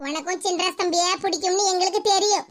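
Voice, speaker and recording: Woman voicing gentle motherly village auntie. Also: extremely high pitch, fairly even intonation, fast, slight background noise, pitched below the performer's own voice. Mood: knowing. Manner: soft, coaxing, motherly. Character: kindly middle-aged village woman, elder sister figure. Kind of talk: cartoon voice acting.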